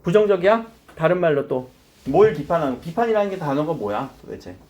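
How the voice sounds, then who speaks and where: A middle-aged man lectures a classroom of students on literary terms, his voice sitting a little high. His pitch swings widely as he fires questions at the class and answers them himself. It sounds like a lively, hands-on teacher. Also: a little fast, dull audio.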